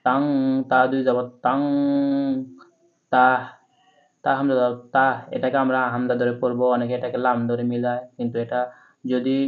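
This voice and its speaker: A man in a step-by-step recitation lesson spells out letters and vowel marks one at a time. His delivery stays level and unhurried, with little rise or fall. The sound is thin and boxy, as if through a phone. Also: mid-range voice, narrow, tinny audio. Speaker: Quran reading teacher.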